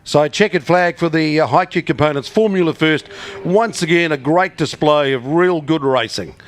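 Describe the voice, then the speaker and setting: A man's voice: on the high side, normal speed. A man with a New Zealand accent calling a motor race live as a race caller, building suspense in short punchy phrases and questions.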